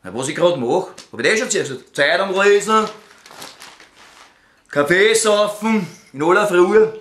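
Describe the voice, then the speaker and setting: A man with a Viennese accent doing a crude one-sided comic phone call at home, swinging between loud outbursts and low mutters. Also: lively intonation, measured pace, roomy sound. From Vienna, Austria. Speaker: comedian. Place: at home, indoors.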